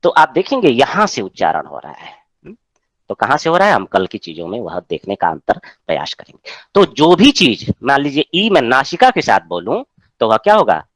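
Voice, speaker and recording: A male teacher holds a Sanskrit class over a video call, his pitch rising and falling animatedly as he explains. He keeps pausing to ask whether everyone has understood. The sound is close and dry. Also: huge pitch swings, dry recording. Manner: explains patiently, checks with students often. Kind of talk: online class lecture.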